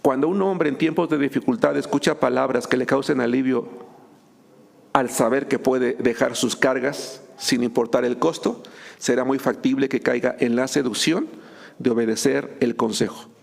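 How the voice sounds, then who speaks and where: A man's voice: medium pitch, fairly even intonation, moderate pace, vocal fry. A man, a pastor preaching a sermon, joking and acting out little scenes between husbands and wives. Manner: humorous, acts out couples' dialogue.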